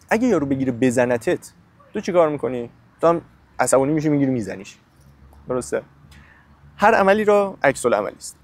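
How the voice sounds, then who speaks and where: Animated man summarizing a book. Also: fairly high pitch. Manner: animated, talks straight to the listener with slangy examples. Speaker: podcast host summarizing a book. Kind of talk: casual spoken book summary.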